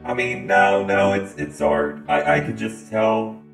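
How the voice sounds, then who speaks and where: Deadpan male host in a comedy skit: low voice, dry stammering delivery, roomy room with loud music under it. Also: a little slow. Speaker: channel host and lead player. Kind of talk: comedic fan-film dialogue.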